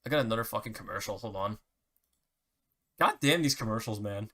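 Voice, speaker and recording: A man's voice: lowish voice, brisk, pushed and bright. A young man ranting casually to camera, swearing often and restarting his sentences. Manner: profane, rambling rant with many restarts. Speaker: vlogger.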